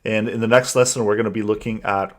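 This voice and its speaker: A man teaching a web coding tutorial, calmly and methodically explaining each step as he types code. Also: lowish voice, fast. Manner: calm, methodical explaining while typing code. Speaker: coding instructor. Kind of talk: screen-recorded coding tutorial.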